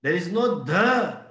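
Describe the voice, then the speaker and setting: A man with an Indian English accent teaching a scripture class, explaining slowly and often chuckling. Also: high voice, sharp tone, echoey room. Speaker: spiritual teacher.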